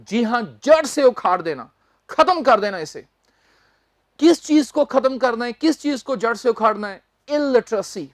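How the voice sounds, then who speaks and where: Woman vocabulary teacher, slightly high, unhurried and deliberate, dry close recording. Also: dry recording. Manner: slow, deliberate, spells words out letter by letter. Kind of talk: newspaper vocabulary lesson.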